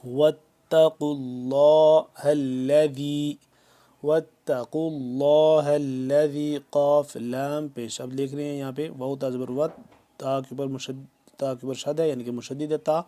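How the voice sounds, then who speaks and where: A man teaching Quran recitation, drawing each verse out slowly, then explaining pronunciation rules in quick plain speech. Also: medium pitch, flat delivery, dark tone. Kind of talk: tajweed lesson, slow word-by-word recitation.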